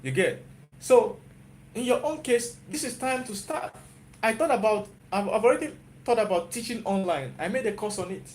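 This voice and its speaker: Speaking at normal speed in an animated voice that sits high and sounds a little mellow, this man has a Nigerian accent, with slight background noise. A YouTuber and software developer, he gives a repetitive, motivational pep talk on a live stream, urging viewers on and checking in again and again with "you get?".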